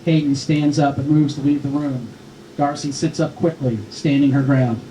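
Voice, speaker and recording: A mellow, fairly high male voice reads scripted stage directions with fairly even intonation and a moderate pace. He's the narrator at a live film festival table read. The recording carries echo and faint noise.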